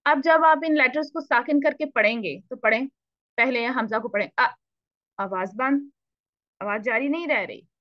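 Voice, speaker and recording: A woman teaching a recitation lesson with a Pakistani Urdu accent, patiently repeating and slowly demonstrating letter sounds. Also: high voice, no echo, highs cut off. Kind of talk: online lesson explaining tajweed.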